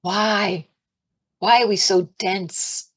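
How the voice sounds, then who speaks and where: A woman giving an informal, chatty sermon, animated, laughing often and raising her voice to act out her pleas to God. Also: medium pitch, very slow, husky. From Italian and Irish heritage. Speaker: spiritual teacher.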